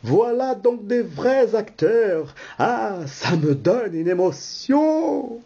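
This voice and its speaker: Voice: mid-range voice, sing-song, very slow, mellow, slightly rough, highs cut off, heavily acted. A reader voicing a stuffy, fussy husband in a rehearsal read-through of a play.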